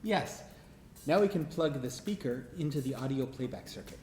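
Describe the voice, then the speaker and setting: A very deep, darkish female voice with lively intonation, delivered at a moderate pace. She's the presenter and instructor of a DIY electronics show, explaining a hands-on tutorial step by step and asking questions. Music sits behind her in a roomy, echoing recording.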